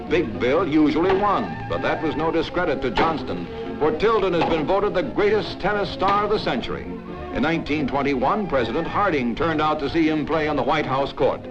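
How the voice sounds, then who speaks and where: A man narrating an old newsreel in a brisk, emphatic announcer manner. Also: fairly high pitch. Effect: old newsreel soundtrack. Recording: dull lo-fi film soundtrack with music.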